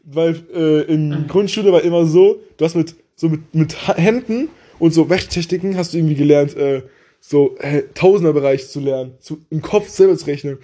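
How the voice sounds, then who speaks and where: Young guy joking around in slang, kinda high voice but warm and mellow. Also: moderate pace. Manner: teasing, joking replies in youth slang. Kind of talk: casual chat.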